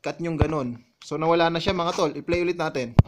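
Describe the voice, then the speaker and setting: A man with a fairly high voice gives a relaxed, chatty tutorial voice-over. He walks listeners through each step in turn and keeps calling them "tol" like old friends. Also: a little fast. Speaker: vlogger explaining his editing.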